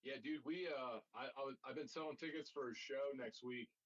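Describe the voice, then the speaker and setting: A man's voice: mid-range voice, fairly quick. A young man in a band, guesting on a podcast, telling rambling stories with casual swearing and lots of fillers. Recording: dull lo-fi audio.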